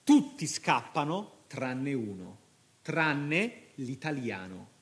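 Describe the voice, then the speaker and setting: A man's voice: medium pitch, sing-song, slow, a bit bright. A man lecturing to an audience, reading passages aloud and commenting with impassioned, rhetorical asides.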